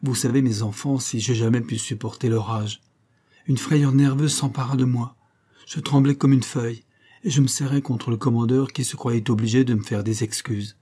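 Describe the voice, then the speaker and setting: Husky dark-voiced male narrator. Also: mid-range voice, fairly even intonation, normal speed. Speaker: audiobook reader. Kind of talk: scripted literary narration.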